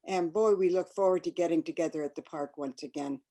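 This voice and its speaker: A woman's voice: on the low side, fairly quick, warm tone. A woman organizer giving effusive closing thanks to an online audience. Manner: effusive, gushing praise. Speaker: event organizer.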